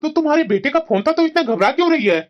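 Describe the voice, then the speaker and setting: A man voicing an easygoing elderly grandfather in a cartoon, calm and cheerful. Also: very high-pitched, rapid-fire, highs cut off. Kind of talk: Hindi cartoon voice acting.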